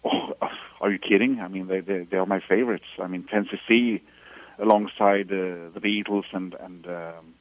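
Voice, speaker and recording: A man from Sweden in his fifties talks in a lowish voice, often pausing and restarting his phrases as a guest. The sound is dry and a little dull, as if over a phone line. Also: dry recording. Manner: hesitant, restarts phrases, animated about music. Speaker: musician guest. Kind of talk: radio interview over the phone.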